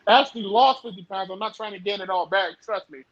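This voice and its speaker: Guest, man in his 30s from the US South, higher voice, dry close mic, casual rambling talker. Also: fast talker, fairly bright tone, no echo, lo-fi sound. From southern United States. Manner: rambling, lots of fillers, laughs often. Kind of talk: casual podcast chat.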